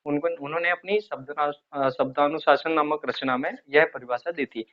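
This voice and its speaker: Guy teaching grammar, kinda high voice, keeps asking then answering himself, dull lo-fi sound. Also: fairly even intonation, normal speed. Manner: asks questions and answers them himself, repeats examples. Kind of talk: explaining at a whiteboard.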